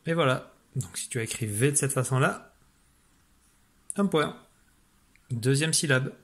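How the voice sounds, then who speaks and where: A man who teaches primary school leads young kids through a spelling lesson online, speaking at medium pitch and a measured pace. He patiently dictates syllables and sounds out letters one by one.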